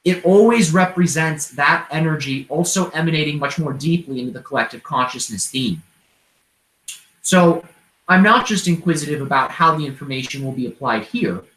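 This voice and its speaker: A man channeling an inquisitive, open-hearted otherworldly being like a seance medium, speaking in formal, measured, abstract sentences. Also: fairly high pitch, bright, forceful tone. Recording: roomy, echoing sound.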